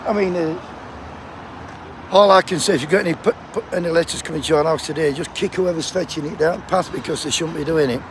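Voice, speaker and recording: A Yorkshire-accented man from Sheffield, on strike with the postal union, talks a little fast in a voice on the high side. He's cold, cursing freely, and trading jokes with passers-by at a picket line by a busy road. The casual vlog chat is recorded outdoors amid noisy passing traffic.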